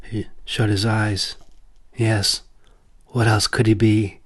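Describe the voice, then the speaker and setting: A man reads his own fantasy adventure as a scripted audiobook, his voice on the low side with little pitch movement and a slow pace. The storytelling is dramatic, solemn and theatrical, swelling on action and dropping for somber passages.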